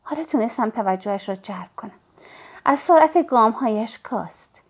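A woman narrating a novel in the first person, telling the story at a measured, steady pace. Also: a little high, breathy edge. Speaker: audiobook narrator.

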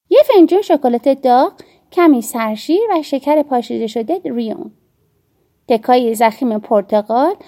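A woman narrating an audiobook in a measured storytelling manner with soft, hushed dips. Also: sits high.

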